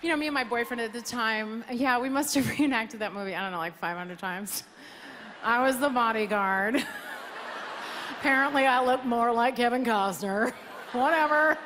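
A woman's voice: on the high side, normal speed, a little hiss or hum. A woman hosting an awards show with a playful, self-mocking comedic monologue on a big stage. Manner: playful, self-mocking, bursts into sung lines. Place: large live arena stage. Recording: live arena sound with loud crowd. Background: audience applause and cheering.

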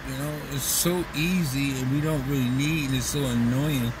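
A man's voice: medium pitch, normal speed, recorded from a distance, background noise. A man talking through a casual, profane, rambling comedic monologue as a vlog host, slipping into mocking voices. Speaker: vlogger host.

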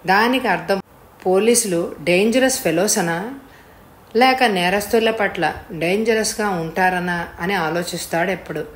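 A woman reading a story aloud in a steady, plain storytelling way. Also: medium pitch, unhurried. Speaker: audiobook reader. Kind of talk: scripted story narration. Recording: echoey room with faint hiss.

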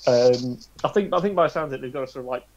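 A man's voice: medium pitch, racing, a little mellow. A man co-hosting a podcast in casual chat, hesitant and hedging. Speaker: podcast co-host. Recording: dull lo-fi audio.

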